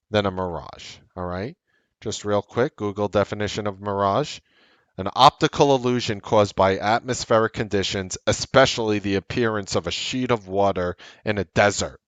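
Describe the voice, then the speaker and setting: A trading show host of around forty, in his late thirties, delivers market commentary straight to camera in a lowish, fairly bright voice. He's emphatic and earnest with a salesy edge, hammering and repeating his points. The sound is close and dry, with no echo or room behind it.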